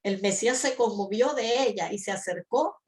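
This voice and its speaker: A woman's voice: medium pitch, moderate pace. Give me a woman co-host in a Bible talk, earnest and encouraging, speaking directly to listeners. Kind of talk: Bible discussion.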